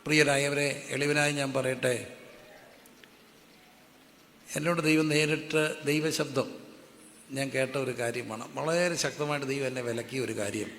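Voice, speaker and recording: A man's voice: medium pitch, steady tone, measured pace, pauses often, fairly bright tone. A man preaching a sermon as pastor, asking the congregation to repeat verses back to him. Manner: call-and-response preaching, asks the congregation to repeat verses aloud. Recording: echoey hall with faint ambient noise.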